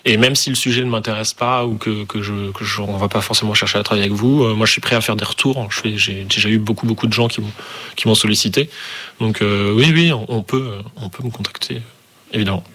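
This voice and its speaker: A man who runs a publishing house answers interview questions in a bright, lowish voice. He speaks haltingly, with frequent fillers and restarts. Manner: hesitant, many fillers and restarts. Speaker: publisher and bookseller.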